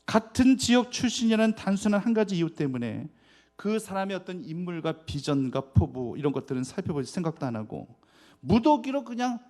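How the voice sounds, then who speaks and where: A man preaching a sermon in a church, his voice sitting a little high for a man. He puts rhetorical questions to the congregation and shifts between loud, punchy emphasis and soft, quick asides. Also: big pitch swings. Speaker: pastor. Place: church sanctuary.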